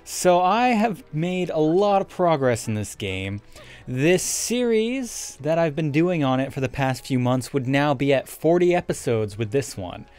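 A man's voice: a little high, very animated, unhurried, darkish tone, clean tone. A young man giving casual, rambling let's play commentary with frequent swearing, as a gaming YouTuber. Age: young adult. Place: indoor room with webcam setup. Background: game music.

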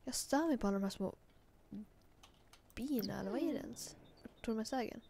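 A talkative woman narrating her game session in a loose, casual way. Her voice sits a little high, and she laughs easily while she cheers on and scolds the character she controls. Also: vocal fry, warm tone. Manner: chatty, giggly, talks to the game character. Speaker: let's play host. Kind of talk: casual gameplay commentary.

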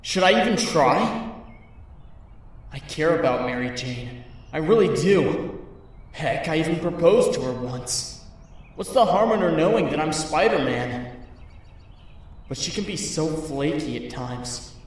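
A man's voice: on the high side, animated, a little slow, long pauses. Man playing earnest, echoing young hero Peter. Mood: brooding. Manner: earnest, brooding. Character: Peter, troubled young hero musing over his secret. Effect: echoing thought-voice reverb. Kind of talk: comic dub inner monologue. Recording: heavy echo, distant sound.

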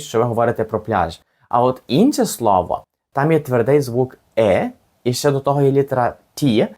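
A male teacher leads a beginner language lesson with calm patience, slowing down to repeat each phrase so a learner can follow. His voice rises and falls in a lively, animated way as he guides the learner through each drill. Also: mid-range voice.

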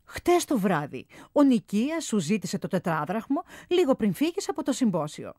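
A woman's voice: mid-range voice, big pitch swings, warm tone, no echo, clean studio sound. A woman doing a self-assured amused statesman. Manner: sure of himself, amused. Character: confident, amused older Athenian statesman.

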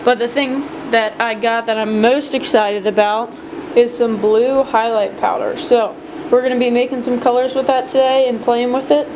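This bait maker talks at a normal speed in a fairly even, somewhat high voice while demonstrating soft plastic lure making at her home bench. She's upbeat and chatty, leaning on fillers, and an air-conditioning hum is clearly audible.

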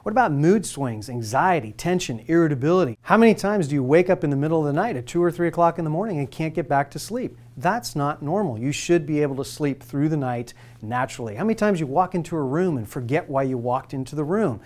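His fairly high, slightly mellow voice carries lively intonation at a quick pace with few pauses. The man, in his forties, promotes hormone therapy in a scripted, persuasive address to camera, asking the viewer direct questions, recorded via lapel mic in a studio with a plain light backdrop.

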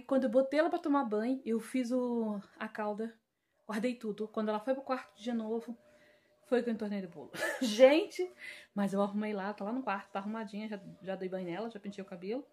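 A woman's voice: fairly high pitch, fast. A Brazilian woman chatting to viewers as she cooks in her home kitchen, filmed on a phone. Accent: Brazilian Portuguese. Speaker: home vlogger. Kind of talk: casual home vlog.

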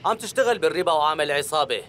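A man's voice: a little high, lively intonation, racing, fairly bright tone, soft background music. An actor playing a shrewd, commanding man in a dubbed TV drama, with a Syrian accent. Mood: mocking, threatening. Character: shrewd, commanding man calmly threatening a swindler.

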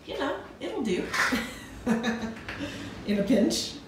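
Woman, 30s, hiker vlogger, slow easy delivery, phone mic outdoors, heavy wind noise. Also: high-pitched, very animated. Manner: chatty, upbeat, wry asides. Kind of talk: casual vlog narration. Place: outdoors on a windy mountain trail and summit. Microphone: phone at arm's length.

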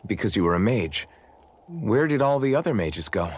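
A man's voice: on the low side, sing-song, normal speed, slightly rough. A man voicing a kind, sincere young male swordsman in a video game.

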